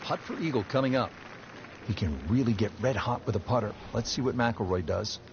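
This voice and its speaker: A man with a medium-pitched voice serves as lead golf commentator, calling the play briskly in short, clipped phrases. The audio is dull, with a loud golf crowd and outdoor ambience behind him.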